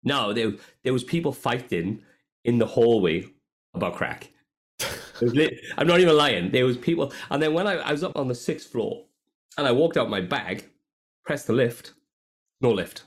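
A man's voice: mid-range voice, moderate pace. A man telling a story on a casual podcast, swearing often and acting out what people said. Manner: swears a lot, animated, acts out quotes. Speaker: podcast co-host.

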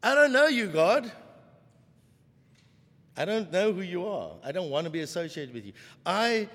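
A man preaching puts on the voice of a frightened, defensive adult male disciple, low, quiet and halting, with long hall reverb. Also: big pitch swings. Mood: denying.

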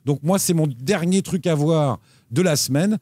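A man co-hosting a casual chat show about TV and streaming picks, talking in an animated way with lively jumps in pitch. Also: normal speed, dry recording. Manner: animated, lively pitch swings, frequent restarts. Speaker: co-host recommending TV shows.

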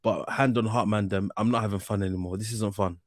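A man's voice: lowish voice, fairly even intonation, a little fast, no room sound, clean studio sound. A young man with a slangy London roadman accent, hosting a casual football chat. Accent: London, urban street slang. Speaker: host of a football discussion show.

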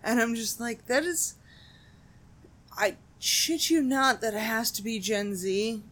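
Young adult woman, podcast co-host, profane, fast, sardonic storyteller. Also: on the high side, expressive, fairly bright tone. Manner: profane, fast storytelling with mocking quoted voices. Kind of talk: casual chat.

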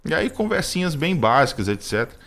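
With a slightly high, fairly bright voice, this man in his thirties is very animated and brisk. He co-hosts a radio program, and his earnest delivery is hesitant, marked by frequent restarts and fillers.

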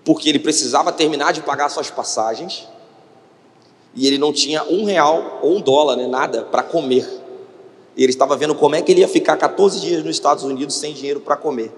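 A man with a Brazilian Portuguese accent gives a sermon testimony, retelling events with quoted dialogue. His voice sits a little high for a man. The sound rings with long reverb, as in a church hall. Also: a little fast. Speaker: preacher.

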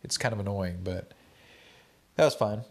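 A man's voice: lowish voice, moderate pace, darkish tone. Stuffed-up, tired man, laid-back vlog chat. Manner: laid-back, rambling, slangy. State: stuffed up, congested nose. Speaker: vlogger. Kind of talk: casual day-recap vlog.

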